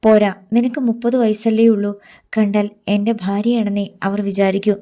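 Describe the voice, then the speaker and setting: A woman voicing a scheming, determined young village man who talks in a low, firm, matter-of-fact way. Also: level tone, moderate pace, dark tone, close to an everyday voice.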